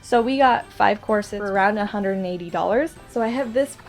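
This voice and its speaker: A stuffy-nosed vlogger briskly shows off gifts, chatting casually and gushing in a girlish manner. Her congested voice sits in the mid range, with soft background music.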